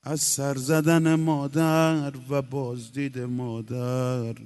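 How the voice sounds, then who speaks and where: A man's voice: medium pitch, flat delivery, a little mellow, smooth. A man reciting a religious mourning story in a half-sung, chanting way that rises into lament. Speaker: religious eulogist.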